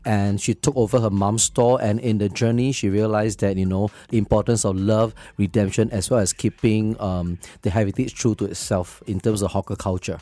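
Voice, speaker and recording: A man's voice: lowish voice, fairly even intonation, normal speed, hardly any pauses, dark tone, dry recording. A man with a Singaporean accent, a film director answering questions as an interview guest in a conversational way.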